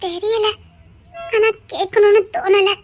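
A woman acts out a gentle young wife with a Tirunelveli accent, speaking in a very high, slow, hesitant voice. Faint music runs under her lines. It plays as a tender family drama scene. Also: steady tone. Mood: pleading. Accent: Tirunelveli Tamil.

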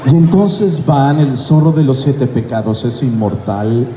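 A man's voice: medium pitch, measured pace. A man joking with a fan crowd on stage, laughing at his own jokes, through a handheld mic. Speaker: voice actor guest at a fan convention. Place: large indoor convention hall with a crowd. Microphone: handheld mic, filmed from the audience. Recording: echoey hall with loud crowd noise.

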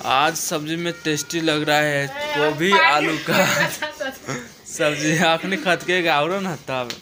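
A man's voice: on the high side, steady tone, slow pace, over a noisy crowd. A young man, narrating a casual village vlog as he walks, talking to a phone camera held at arm's length outdoors. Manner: chatty, walking narration to a handheld camera. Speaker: vlogger. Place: outdoors in a foggy village field.

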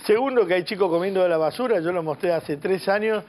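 A man's voice: high voice, fast, darkish tone, slight background noise. An Argentine man with an Argentine Spanish accent, hosting a heated political editorial on TV, emphatic, swearing, and addressing the listener directly. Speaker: host, political commentator. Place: TV studio.

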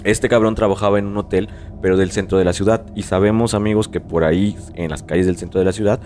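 A man's voice: fairly low pitch, steady tone, fast, darkish tone, a little hiss or hum. A man co-hosting a podcast, telling a story with playful jokes and slang. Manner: playful, joking euphemisms, slangy. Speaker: podcast co-host. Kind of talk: casual storytelling chat.

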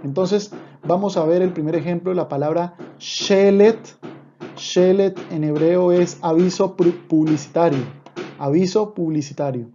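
Male online language teacher, patient and repetitive, deep warm timbre, slightly dull lo-fi recording. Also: fairly even intonation, unhurried, slight background noise. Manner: patient, repeats points, often checks in with listeners. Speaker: Hebrew teacher.

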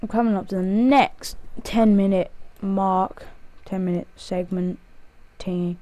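A man's voice: high-pitched, fairly even intonation, measured pace, warm tone, no echo. A male gaming host giving casual, rambling gameplay commentary, counting aloud and joking at himself as he plays. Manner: rambling, self-mocking, counts aloud while playing.

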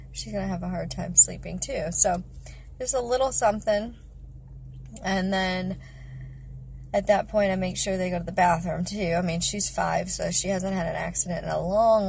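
This woman's lowish voice is creaky and a little mellow, with a faint hiss or hum on the recording. A mother of five in her thirties, she vlogs from inside a parked car, chatting loosely about faith and family into a phone held at arm's length and using many fillers.

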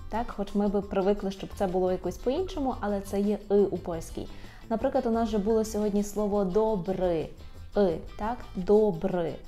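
A young adult woman teaching Polish in a video lesson, patiently saying each example word slowly and more than once. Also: mid-range voice, dark tone, soft background music.

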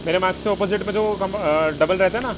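A man giving rapid, repeated callouts to his team during a shooter game in live voice chat. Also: sits high, background noise.

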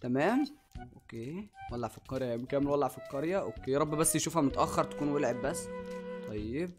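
Rapid-fire Egyptian gaming YouTuber. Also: male voice, mid-range voice, expressive, music in the background. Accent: Egyptian Arabic. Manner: playful, teasing, laughs often. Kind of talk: excited gameplay commentary.

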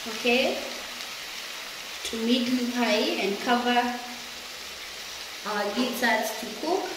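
A woman's voice: on the high side, slow pace, background noise. A woman vlogger giving casual, chatty commentary while cooking in her home kitchen, often laughing and calling viewers "guys". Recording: echoey kitchen with frying sizzle.

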